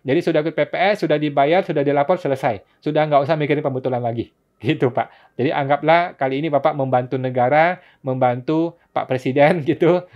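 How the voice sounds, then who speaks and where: A man hosting a casual live-stream Q&A, reading viewers' questions and answering them patiently with frequent chuckles. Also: mid-range voice. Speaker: tax consultant host answering viewer questions. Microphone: phone or laptop mic for live stream. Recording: dull lo-fi live-stream audio.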